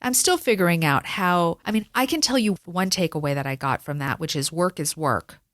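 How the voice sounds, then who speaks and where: A woman's voice: fairly low pitch, lively intonation, a little fast, a bit bright, dry recording, studio quality. A woman podcast host, once a lawyer, talking in an encouraging, affirming way with her guest. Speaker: podcast host, former attorney. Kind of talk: casual conversational interview.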